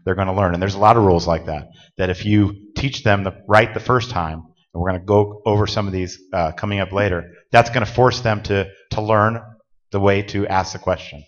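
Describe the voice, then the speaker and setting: A man with a low, deep voice gives a conference presentation in a large hall, talking plainly and directly as he explains rules to the room. The audio is dull and lo-fi, with a long reverb trailing his words. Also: fairly even intonation, a little fast. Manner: plain-spoken, direct, instructive.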